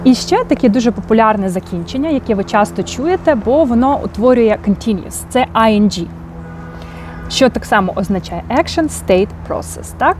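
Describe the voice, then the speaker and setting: A woman with a Ukrainian accent patiently teaches English vocabulary, frequently checking in with "так?". Her voice is a little high and a little mellow, with lively intonation at a moderate pace, and the recording has a little hiss or hum.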